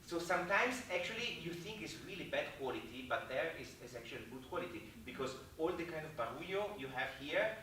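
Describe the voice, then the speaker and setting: A man with an Italian accent giving a lively talk to musicians about practicing, now and then slipping into Italian words. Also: on the high side, brisk, few pauses. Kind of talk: lecture to musicians. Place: hotel event hall. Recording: echoey hall from far off.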